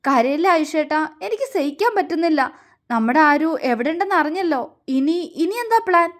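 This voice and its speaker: A woman voicing a tender young woman who pleads softly through tears in an audio story. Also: high-pitched, expressive, normal speed, voice pushed up. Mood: worried, tearful. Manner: pleading, soft and tearful. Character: young woman, tender, worried sister figure.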